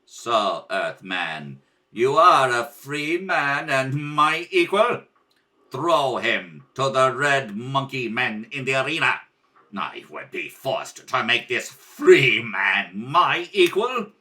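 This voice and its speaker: A man's voice: mid-range voice, sing-song, slow pace, pushed and bright, pitched below the performer's own voice, full character voice. A man voicing a cold, merciless alien emperor in pompous, commanding old radio serial style. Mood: mocking, menacing.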